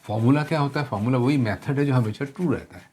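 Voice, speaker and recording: A man teaches a math lesson at a middle pitch. He mixes in English terms, asks rhetorical questions and corrects himself as he works through each step. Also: fast, a little mellow.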